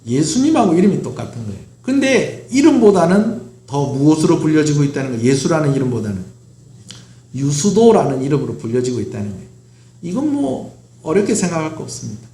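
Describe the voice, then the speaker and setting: A man's voice: fairly high pitch, sing-song, fairly quick, dark tone. A middle-aged man preaching a sermon as pastor, asking the congregation questions and answering them himself. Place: church sanctuary. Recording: roomy church echo.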